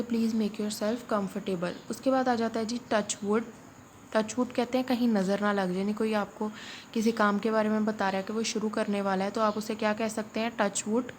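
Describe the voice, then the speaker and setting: A woman, teaching English phrases in a spoken lesson and patiently repeating each one slowly. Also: mid-range voice. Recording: faint background noise.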